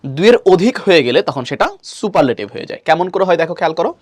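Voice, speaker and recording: A man's voice: on the high side, sing-song, quick pace, no echo. A male teacher gives an admission-prep lecture, explaining step by step, asking and answering his own questions and leaning on repeated filler phrases. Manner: leans on stock fillers and repetition.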